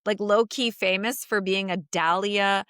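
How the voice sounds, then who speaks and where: A woman's voice: medium pitch, fairly even intonation, a little slow, a bit bright, clear, resonant tone, no room sound, clean studio sound. A woman co-hosting a casual podcast, talking earnestly and emphatically as a coach who works with clients. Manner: earnest, emphatic, shifts pace freely.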